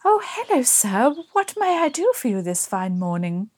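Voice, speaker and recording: A prim young lady of the manor, as a woman puts her on, speaks in a high, lilting, plummy voice. She sounds breathy and genteel, like a lady in a period-drama spoof. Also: very animated, moderate pace, darkish tone.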